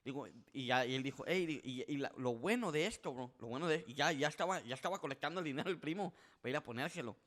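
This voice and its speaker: Speaking fast with few pauses in a slightly high voice, a man casually tells a story on a podcast where he's a guest. He animatedly acts out quoted voices and restarts his sentences often.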